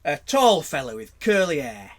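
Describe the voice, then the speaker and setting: Trading pub stories on a podcast he co-hosts, a Yorkshire-accented Englishman keeps things chatty and laughs frequently. His voice is a little high with big swings in pitch, delivered at a moderate pace.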